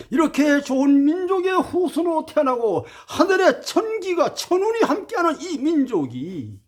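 Guy preaching at his viewers, high voice that swings all over, emphatic, throws rhetorical questions, formal one sec then blunt. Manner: emphatic, swings between formal address and blunt casual speech. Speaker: spiritual teacher addressing viewers. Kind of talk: preachy spoken monologue.

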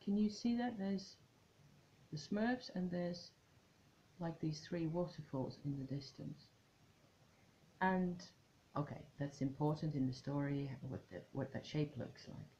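Low-voiced woman, gravelly, mellow tone, musing tarot vlog chat, dull hissy home recording. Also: measured pace, long pauses. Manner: chatty, musing, trailing off in restarts. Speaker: tarot vlogger. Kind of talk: casual chat to camera.

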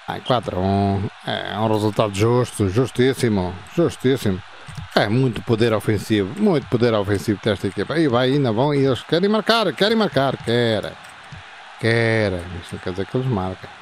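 Man in his fifties, excitable, shouts at the game, very lively pitch. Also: normal speed, slight background noise. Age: 50s. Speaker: gamer playing a football video game. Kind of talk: excited live game-playing commentary.

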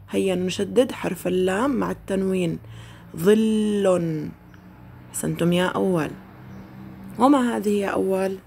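A woman teaching a first-grade Arabic lesson, slowly drawing out each word for the children to repeat. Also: medium pitch, gravelly, a little mellow, a little hiss or hum. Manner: slow, drawn-out modeling of words for children to repeat.

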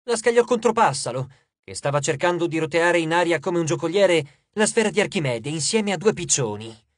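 A male audiobook narrator with a high voice that swings lively across each sentence. He tells the story with expressive energy. The recording is close and dry. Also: brisk, no room sound.

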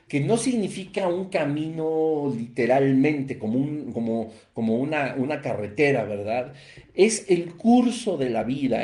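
A man's voice: mid-range voice, darkish tone, echoey room. A man preaching a Bible teaching, emphatic and repeating phrases for stress. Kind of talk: sermon-style Bible teaching.

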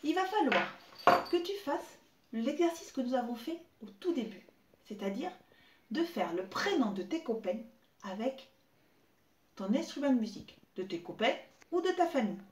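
A woman in her thirties teaching young children remotely, spelling out syllables slowly and clearly as she claps. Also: on the high side, sing-song, darkish tone. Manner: slow, clear, exaggerated syllable clapping. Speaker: preschool teacher. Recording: echoey room with faint noise.

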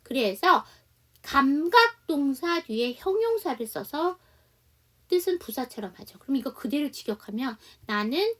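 A woman's voice: high voice, sing-song, distant mic. A woman teaching a beginner English lesson, explaining step by step and answering her own questions. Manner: reads example sentences slowly for repetition.

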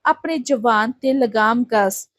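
A woman reading a steady, fair-minded village husband. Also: a little high, a little slow, dry recording, lightly acted. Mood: reasoning. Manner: reasoning, stern when needed.

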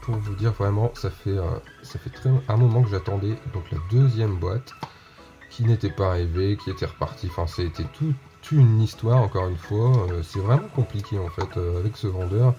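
A man hosts a casual unboxing video, chatting directly to his viewers and often repeating himself. His voice is on the low side at a moderate pace, and the recording is muffled with music in the background.

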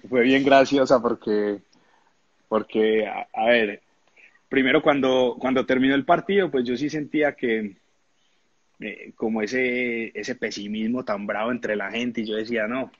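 A man, a former footballer telling animated anecdotes in a casual interview, often laughing and acting out the people he quotes. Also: mid-range voice, breathy edge, no room sound, highs cut off.

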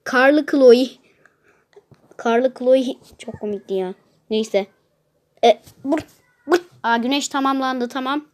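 A woman streaming a mobile puzzle game talks casually in an unhurried, high voice with a darkish tone. She complains about difficult levels and hums to herself as she plays.

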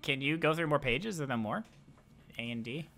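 A giggly co-host quickly chatting over a game and sometimes doing voices for characters. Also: medium pitch, a bit bright. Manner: giggly, quick, reads lines aloud in put-on voices. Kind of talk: casual gameplay chat.

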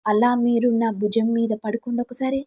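A woman's voice: on the high side, steady tone, normal speed, mellow, breathy edge. A woman voicing a young husband who protests his innocence and explains himself step by step. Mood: defensive.

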